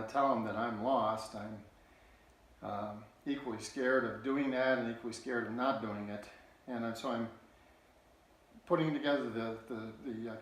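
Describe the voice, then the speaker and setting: A man shares a personal story from his childhood, speaking earnestly and haltingly with frequent restarts. His voice sits at an ordinary middle pitch. The recording is very echoey, as if made in a large bare room. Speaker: political candidate.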